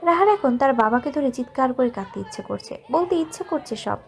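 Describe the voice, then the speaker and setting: Soft-voiced woman narrating a love story. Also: high-pitched, animated, vocal fry. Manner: soft, measured, emotional storytelling.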